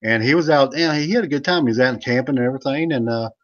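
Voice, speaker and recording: A former pro wrestler and manager, appearing as a guest on a video call, tells rambling, joking stories in casual conversation and laughs a lot. He talks fast in a mid-range voice, and the audio is dull.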